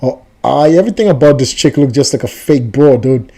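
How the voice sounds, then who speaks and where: Skeptical man with a warm, mellow voice. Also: medium pitch, lively intonation, fairly quick. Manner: skeptical, rambling, repeats himself. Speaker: reaction video host. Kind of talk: casual commentary.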